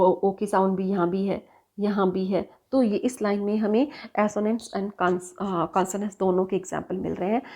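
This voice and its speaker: A woman's voice: mid-range voice, a little mellow. Patient woman teacher. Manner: mixes Hindi and English, checks understanding often; reads English definitions slowly, word by word. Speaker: English teacher. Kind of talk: classroom lesson explaining grammar terms.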